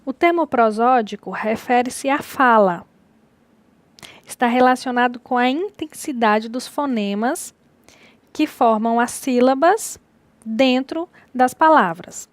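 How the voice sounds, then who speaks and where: A woman teacher giving a recorded distance-learning lecture, explaining slowly and repeating key words. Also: fairly high pitch, no room sound.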